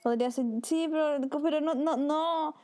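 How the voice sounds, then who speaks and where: A woman's voice: sits high, steady tone, normal speed, darkish tone. A young Chilean woman in a casual chat, arguing her opinion and acting out quoted voices.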